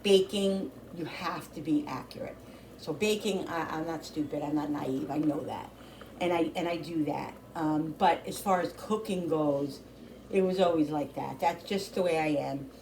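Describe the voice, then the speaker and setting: A woman's voice: deep voice, moderate pace, darkish tone, slight background noise. Chatty mother rambling while cooking. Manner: rambling, chatty, with many restarts. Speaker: cooking channel host. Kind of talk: casual chat while cooking.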